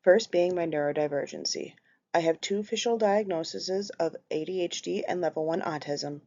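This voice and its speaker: A woman in her thirties from Minnesota, with a Minnesotan accent, reads a prepared class presentation earnestly at normal speed. Her voice is on the low side with a darkish tone, and she's a student presenter captured on a slightly muffled lo-fi recording.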